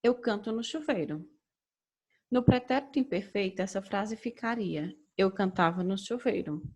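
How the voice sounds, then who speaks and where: A young adult woman with a Brazilian Portuguese accent, a teacher giving a recorded grammar lesson in a measured, explaining way that keeps checking in with her students. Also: mid-range voice.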